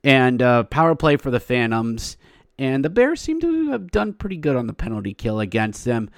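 A man's voice: mid-range voice, big pitch swings, normal speed, gravelly, dry recording, clean studio sound. A man hosting a sports podcast gives a casual, opinionated game recap in a wry, colloquial way with short emphatic phrases.

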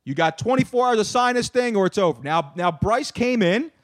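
A man in his thirties hosting a casual sports talk show, animated and ranting, often repeating words. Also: high voice, brisk, dry recording, clean studio sound. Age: 30s. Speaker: podcast host.

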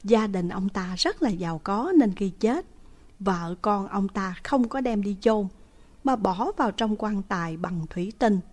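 A woman's voice: medium pitch, expressive, unhurried, darkish tone. Woman narrating ghost stories. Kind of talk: scripted horror story narration.

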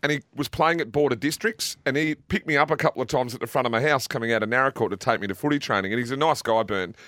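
An Australian man co-hosting a radio show tells anecdotes in a relaxed, chatty way. His voice sits in an ordinary middle pitch. The studio sound is close and dry. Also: fast talker, dry recording. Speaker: radio co-host. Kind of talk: casual radio banter.

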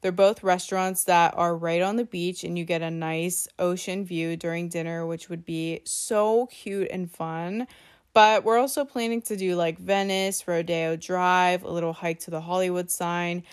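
Chatty young woman with a low voice. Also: steady tone, unhurried, clear, resonant tone. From US East Coast. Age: 20s. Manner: chatty, frequent "like" and "um" fillers. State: slightly congested, getting a cold. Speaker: podcast host. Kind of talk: casual solo podcast chat.

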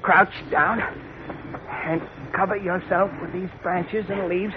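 An actor playing a fussy little amateur detective, timid yet plucky, stammering and quaint, in a 1940s radio adventure. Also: male voice, high-pitched, normal speed. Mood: flustered, urgent. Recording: tinny, noisy old radio recording.

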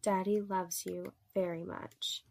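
A woman voicing a dominant but gentle adult male lover in an erotic story reading, speaking softly and low. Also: flat delivery, takes it slowly, vocal fry. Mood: tender, commanding.

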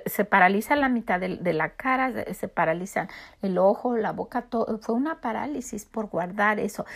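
A woman giving a conversational Bible teaching on her podcast, reading verses aloud and explaining them earnestly, often repeating and restarting her words. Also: medium pitch.

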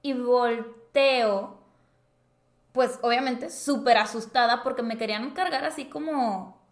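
A young woman talks through a story in a casual podcast chat. She is dramatic and leans on fillers, her voice a touch high. The room echoes around her. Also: takes it slowly. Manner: chatty, dramatic, many fillers like "o sea" and "tipo". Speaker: podcast co-host. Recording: roomy echo.

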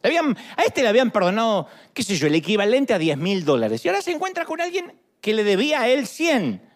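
A man, preaching a sermon as a joking, animated storyteller. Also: sits high, fast.

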